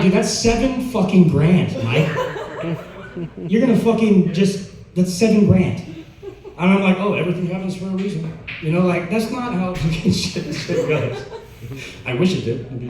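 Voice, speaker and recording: A man with a fairly high voice performs amateur stand-up in a very echoey room, picked up from a distance. His delivery is casual, sweary and slangy, stumbling and stalling hesitantly as he repeats himself. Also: darkish tone. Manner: hesitant, with stammered repeats and filler-laden stalling. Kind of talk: stand-up comedy at an open mic. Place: indoor open mic venue.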